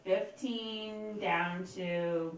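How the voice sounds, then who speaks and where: A woman's voice: mid-range voice, fairly even intonation, extremely slow, a little hiss or hum. A woman narrating as game master in a chatty, laughing way with many fillers. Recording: echoey room, distant mic, faint ambience.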